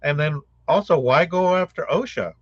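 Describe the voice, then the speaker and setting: A man's voice: on the high side, moderate pace, no echo, muffled recording. A man co-hosting a podcast, raising questions in casual, chatty talk. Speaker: podcast co-host.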